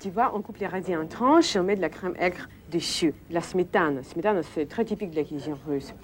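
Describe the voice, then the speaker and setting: A woman's voice: fairly low pitch, animated, fairly quick, darkish tone, slight background noise. A woman whose first language is Russian, chatting casually as she explains dishes step by step in a restaurant. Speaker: Russian teacher. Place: busy restaurant. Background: crowd chatter.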